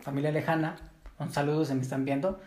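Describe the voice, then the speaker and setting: A woman's voice: deep voice, little pitch movement, quick pace, a little mellow. A woman hosting a casual chat, joking and asking lots of questions. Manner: joking, asks many questions. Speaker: host. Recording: echoey room.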